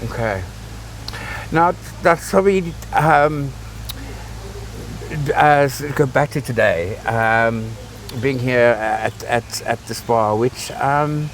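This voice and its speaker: A man's voice: mid-range voice, expressive, slow pace, recorded from a distance, slight background noise, low-quality recording. A man hosting a casual interview, affectionate with his guest and hesitant, with many ums. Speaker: interviewer host.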